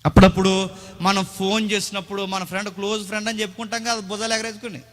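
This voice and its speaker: Guy preaching, high bright voice, lots of rhetorical questions, long echo round him. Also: little pitch movement, fast. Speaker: pastor. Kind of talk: Telugu sermon with acted dialogue.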